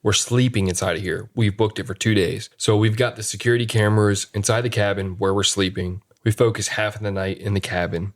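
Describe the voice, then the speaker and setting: A man's voice: fairly low pitch, steady tone, fairly quick, hardly any pauses. A man speaking as a paranormal investigator, giving a plain-spoken, matter-of-fact account in a casual conversational style. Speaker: paranormal investigator, podcast guest.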